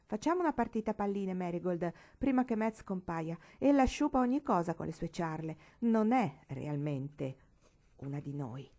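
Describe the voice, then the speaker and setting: A woman's voice: on the low side, expressive, normal speed, warm tone. A woman reading aloud, voicing a proud, pious young girl who scolds sharply and sulks. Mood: offhand.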